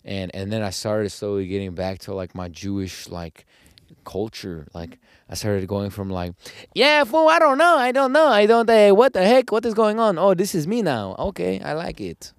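This podcast host, a young man, speaks smoothly at a moderate pace in a clean studio recording with no echo. He chats casually and tells animated, slangy stories, switching to high mock voices for quotes.

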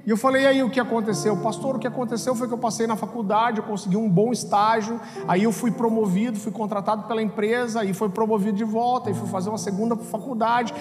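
A Brazilian man, a pastor, telling a story in a sermon with lively humor and acted-out voices. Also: sits high. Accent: Brazilian Portuguese. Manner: animated, acts out voices, jokes. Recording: hall reverb with music behind.

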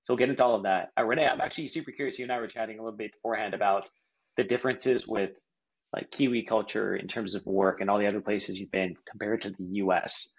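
A man's voice: on the low side, fairly even intonation, fast, husky, dull audio. A man hosting a podcast, chatting in an upbeat, casual way. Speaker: podcast host. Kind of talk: casual interview.

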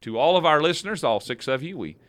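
A man co-hosting a podcast, cracking goofy deadpan jokes in casual banter. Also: a little high, fast, heavy background noise. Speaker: podcast co-host. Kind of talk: casual chat, outtakes.

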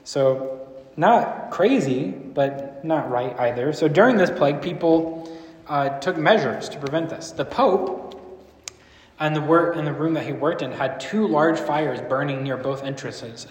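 A man's voice: mid-range voice, a little slow. Man teaching in an echoey hall. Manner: conversational, rambling, asks the room questions. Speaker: church speaker teaching a series. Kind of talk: casual teaching talk to a group. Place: large room with a live audience. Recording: echoey hall with long reverb.

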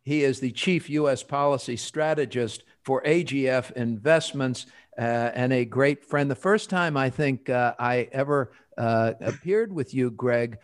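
A man's voice: medium pitch, measured pace, no room sound, clean studio sound. An American man hosting a finance podcast, addressing listeners in a showman-like way as he talks up his guest and signs off. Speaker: podcast host. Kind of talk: conversational interview hosting with formal sign-off.

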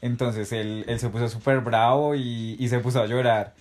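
A man's voice: mid-range voice, steady tone, normal speed, darkish tone. A young man, chatting casually with a friend and telling stories in heavy slang. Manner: slangy, storytelling, laughs often. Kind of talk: casual chat between friends.

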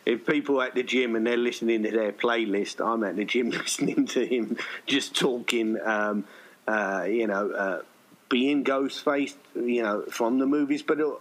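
Interviewed about the audio play he wrote and directed, a man chats casually, rambling and hesitating as he thinks aloud. His mid-range voice moves at a moderate pace on a rough recording.

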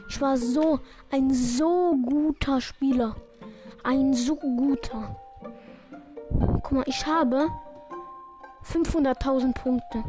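A high-pitched woman talks through a video game match as it happens. Her play-by-play is excitable and self-mocking. Game music plays clearly underneath her voice. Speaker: gaming video creator. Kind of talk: live gameplay commentary.

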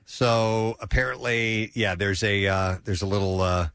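A man's voice: on the low side, level tone, measured pace, a bit bright, clear, resonant tone, dry recording, studio quality. A man co-hosting a radio talk show, reading out news items in a casual chat and laughing often.

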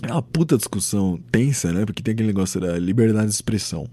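A young Brazilian man hosting his own podcast, giving a rambling, animated opinion monologue, swearing freely and acting out quoted voices. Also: on the low side, fast talker, breathy edge, dry recording. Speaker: podcast host.

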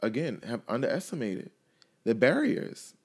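A man's voice: medium pitch, big pitch swings, normal speed, breathy edge. A man hosting a casual music podcast, playful and teasing, with mock-announcer flourishes. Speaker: podcast host. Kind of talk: casual chat.

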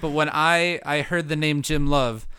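A man's voice: on the high side, steady tone, unhurried, bright, forceful tone. A young man from Milwaukee chatting casually as a guest, easygoing, with many fillers and restarts. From Milwaukee, Wisconsin. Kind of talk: casual chat.

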